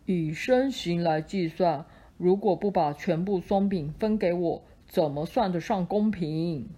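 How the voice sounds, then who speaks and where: A big storybook elephant with a lowered voice, ponderous and self-important, as a woman puts it on. The tone stays mellow and unhurried. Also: slightly rough. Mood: demanding.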